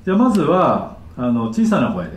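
A man giving a live seminar as a counselor, animated and demonstrative, chatting with his audience. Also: a little high, fast talker. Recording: echoey hall, distant mic.

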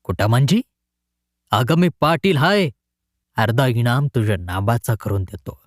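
A man voicing a lecherous, menacing village headman in a storybook reading, speaking in a low growl. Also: lively intonation, a little slow, no echo, studio quality, natural voice.

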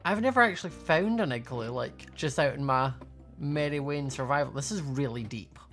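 With a rumbling low voice that's slightly bright, a young woman hosts a gaming video, thinking aloud in casual, playful commentary. Her intonation is lively and her speed normal, and faint music plays behind her.

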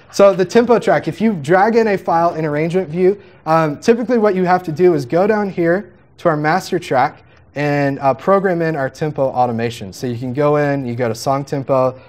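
Upbeat man teaching a software workshop. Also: a little high, brisk. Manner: upbeat, jokey, chatty teaching with quoted asides. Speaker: music software trainer. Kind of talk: live workshop demonstration.

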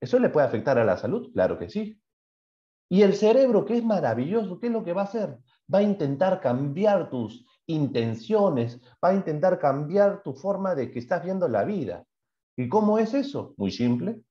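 Lively-voiced man teaching online. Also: sits high, normal speed. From Peru. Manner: asks questions and answers them himself; acts out short quoted voices in examples. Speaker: primary school science teacher. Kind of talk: online class lecture. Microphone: computer mic on a video call. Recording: dull lo-fi video-call audio.

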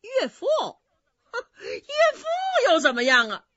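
A woman voicing an arrogant, boorish male general who shouts and brags, in a dry, slightly dull recording. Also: high-pitched, big pitch swings, slow, no room sound, heavily acted. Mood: bullying. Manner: bullying, shouting, boastful.

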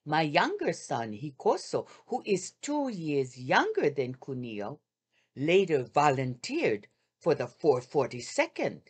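An older woman reads a personal wartime account aloud over a webcam from a home room. Her voice sits low but moves with lively swings of pitch. She speaks slowly and with feeling, leaving long pauses. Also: slightly rough. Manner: measured, heartfelt reading with drawn-out pauses. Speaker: reader of wartime memoirs. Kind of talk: reading a first-person memoir aloud. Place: home room with shoji screens. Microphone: video call webcam.

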